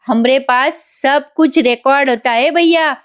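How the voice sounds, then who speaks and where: A drunk, self-pitying young man rambles slowly in a high voice, dropping in Hindi words, as a woman puts him on. He sounds loose and sorry for himself throughout. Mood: tipsy rambling. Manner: slow, slurred, mixing in Hindi words.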